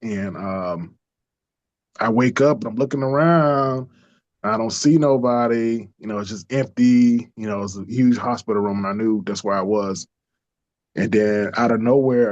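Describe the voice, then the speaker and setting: A man telling a personal story in a casual interview, lively, laughing often and acting out the voices of people he quotes. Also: medium pitch, dry recording. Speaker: interview guest. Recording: dull lo-fi dry sound.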